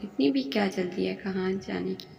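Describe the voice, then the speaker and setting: A woman reading the lines of a calm man who gives quiet, measured advice. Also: mid-range voice, creaky, muffled recording. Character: calm older man at a house. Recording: echoey room with long reverb.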